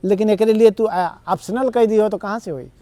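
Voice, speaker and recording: Earnest high-voiced man with Awadhi accent. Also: brisk, dark tone. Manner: earnest, argumentative, rambling explanations. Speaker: interview guest, Awadhi language activist. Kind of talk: conversational interview.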